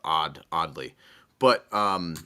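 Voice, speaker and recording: A man's voice: low-pitched, expressive, takes it slowly, pushed and bright. A man hosting a podcast, joking and teasing in casual chat. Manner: playful, teasing, swears. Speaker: podcast host.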